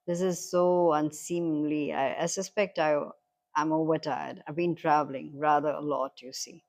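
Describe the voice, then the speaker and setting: A woman's voice: deep voice, steady tone, normal speed, darkish tone. A woman reading a stiff, formal old butler. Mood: restrained. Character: formal, apologetic elderly male butler.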